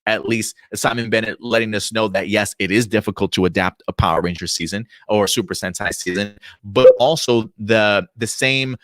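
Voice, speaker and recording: With a lowish voice at normal speed and few pauses, a man in his late thirties co-hosts a casual livestream, chatting through viewer comments and full of fillers and restarts. He's a podcast co-host, and the recording is dry, clean studio sound.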